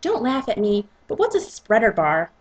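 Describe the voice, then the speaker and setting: A woman's voice: mid-range voice, very animated, normal speed. A woman voicing an inexperienced, nervous, curious young woman in a theatrical, earnest romance novel reading.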